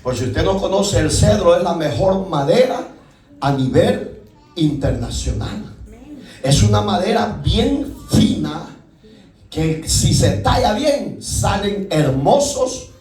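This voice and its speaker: High-voiced pastor preaching fervently. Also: male voice, sing-song, slow. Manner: fervent, frequently shouting, folksy asides. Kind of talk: sermon. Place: church. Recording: echoey church hall, distant mic, faint music.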